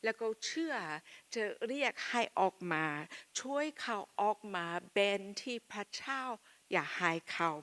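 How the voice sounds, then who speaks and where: A woman who isn't a native Thai speaker gives a personal testimony as a missionary speaker. She speaks simple Thai in short, halting phrases, pausing for an interpreter, and her voice is a little high, animated, and a bit bright.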